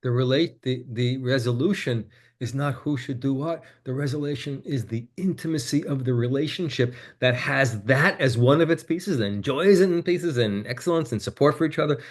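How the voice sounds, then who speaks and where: Man, interview guest, candid, reflective storytelling, lively when quoting himself. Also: medium pitch, normal speed, hardly any pauses. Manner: candid, animated when quoting his own exchanges.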